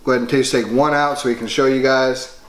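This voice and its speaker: A man hosting a cooking show, giving a relaxed, folksy demonstration with many fillers, indoors in a kitchen. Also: mid-range voice, fast talker, echoey room.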